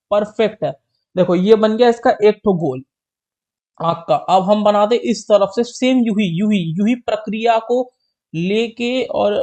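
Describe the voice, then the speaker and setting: A man's voice: high voice, darkish tone. A young man narrating a comedic drawing tutorial in a playful, self-mocking way, drawing out little sounds as he sketches. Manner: playful, self-mocking, repeats "ठीक है" and drawn-out "you". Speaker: drawing video creator.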